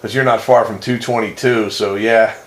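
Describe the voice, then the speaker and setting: A man hosts a CB radio roundup, chatting casually and approvingly with fellow radio hobbyists in an easygoing way. His voice is on the low side, steady in tone, at a moderate pace. The recording has a roomy echo and faint background noise.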